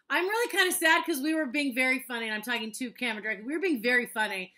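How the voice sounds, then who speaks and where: A woman chats casually as a podcast co-host from home, her voice high and ringing bright. She laughs a lot and swears freely, talking straight into her laptop. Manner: chatty, laughs often, swears. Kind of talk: casual chat.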